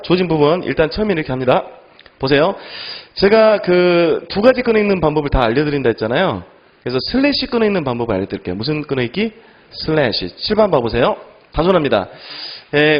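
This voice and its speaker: A male English teacher giving an online exam-prep lecture, firing quick questions at students and answering them himself. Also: dull audio. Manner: animated, lively pitch.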